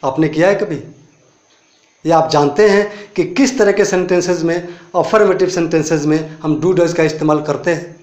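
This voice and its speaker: Indian male English tutor, step-by-step classroom explainer, higher voice, echoey room. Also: darkish tone. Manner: explains step by step with many rhetorical questions; slow, deliberate English example phrases. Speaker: English teacher. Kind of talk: spoken English lesson.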